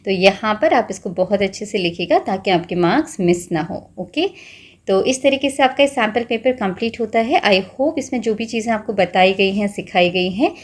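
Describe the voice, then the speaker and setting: A woman with an Indian accent, taking young children through an exam sample paper. She talks patiently and spells words out slowly, switching between Hindi and English. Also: medium pitch. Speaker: teacher.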